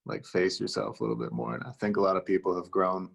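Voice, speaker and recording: A man with a very deep, low voice speaks in a laid-back, thoughtful way, with dry humor. He is a guest musician in a casual interview over a video call. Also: flat delivery, fast talker, gravelly.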